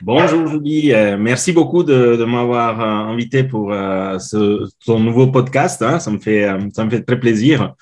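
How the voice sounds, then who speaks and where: A man's voice: mid-range voice, normal speed, few pauses, darkish tone. A man in his forties from Italy, speaking French with an Italian accent as an interview guest, hesitant with many filler sounds and restarts. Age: 40s. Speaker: guest, customer experience consultant. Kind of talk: casual interview chat.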